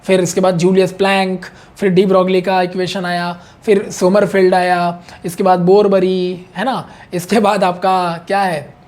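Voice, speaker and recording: Male chemistry tutor, high voice, conversational lecture delivery with constant check-ins and repetition. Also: little pitch movement, moderate pace, a little mellow. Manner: chatty, repeats key points, many "ठीक है" check-ins. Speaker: chemistry teacher. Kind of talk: online exam-prep lecture.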